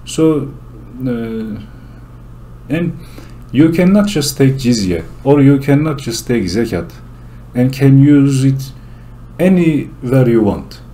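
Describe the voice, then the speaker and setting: Turkish-accented guy doing a solo monologue, warm low-key voice, careful and earnest. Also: expressive. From Turkey. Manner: earnest, deliberate explaining. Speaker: channel host.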